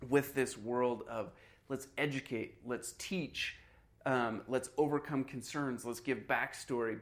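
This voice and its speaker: A man in a casual podcast chat about marketing, talking loosely and filling gaps with "you know" and "like". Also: medium pitch. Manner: conversational, heavy on "you know" and "like".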